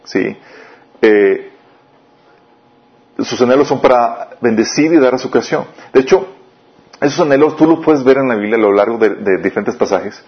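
A man gives a sermon in a mid-range voice, often asking his listeners questions. His delivery rises and falls in loudness. The recording sounds dull and lo-fi. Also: medium pitch, moderate pace, long pauses. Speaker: preacher.

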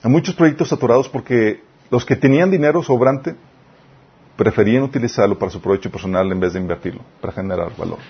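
A man's voice: mid-range voice, fast, breathy edge, dull audio. A man preaching a sermon. He reads scripture aloud, stops to explain it, and asks his listeners questions. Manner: addresses the audience as "chicos", asks them questions.

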